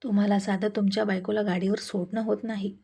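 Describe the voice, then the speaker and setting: A woman voicing a quarrelsome wife who scolds her husband with sarcastic retorts, in a gravelly, husky voice. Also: medium pitch, flat delivery, fast talker, warm tone. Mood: mocking. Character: sharp-tongued quarrelsome wife, adult woman.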